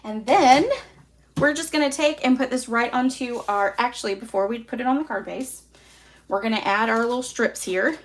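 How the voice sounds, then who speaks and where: A woman with a Southern accent hosting a live card-making class, chatty and relaxed, poking fun at herself. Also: on the high side, moderate pace, slight background noise. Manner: chatty, relaxed, self-deprecating. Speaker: craft class host.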